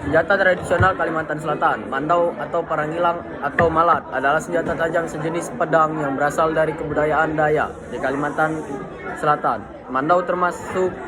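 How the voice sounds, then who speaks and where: A man's voice: on the high side, steady tone, fairly quick, a loud crowd. A teenage boy reading a prepared school presentation aloud, with slips and restarts as he goes. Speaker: student presenter.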